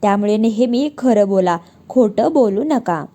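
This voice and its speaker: A woman narrating a moral story for young children in a gentle, expressive way. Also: mid-range voice, unhurried.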